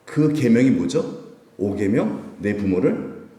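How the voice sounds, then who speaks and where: A man in his fifties preaching a sermon at a Wednesday prayer meeting, conversational, with rhetorical questions and sudden jumps in pitch. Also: very animated, takes it slowly, dark tone. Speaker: pastor. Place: church sanctuary. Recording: echoey church hall, mic from a distance.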